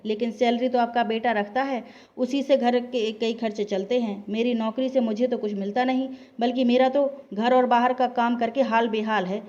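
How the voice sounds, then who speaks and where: A woman's voice: a little high, a little mellow, lo-fi sound, close to an everyday voice. A woman voicing a hard-working young wife who firmly stands up for herself to her family. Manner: firm, reasoning.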